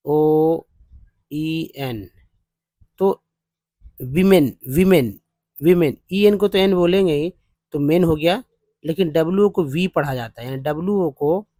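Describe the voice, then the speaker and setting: Slow, dry-voiced male teacher. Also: a little high, a little mellow, no echo. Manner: reads English text slowly word by word, then explains pronunciation. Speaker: English teacher. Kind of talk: spoken English lesson, reading aloud and explaining.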